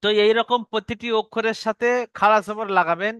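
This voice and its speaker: High-voiced man teaching letters patiently. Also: a bit bright, smooth, dry recording. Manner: patient, repetitive drilling, asks learners to repeat; drawn-out letter sounds when reciting. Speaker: Quran reading teacher. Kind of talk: recorded online lesson.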